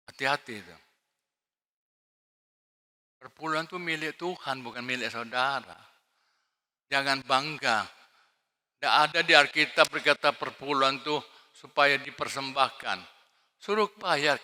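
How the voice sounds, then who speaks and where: A male pastor preaching a sermon, swinging between shouted emphasis and quiet asides. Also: medium pitch. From Indonesia. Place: large church hall. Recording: long hall reverb.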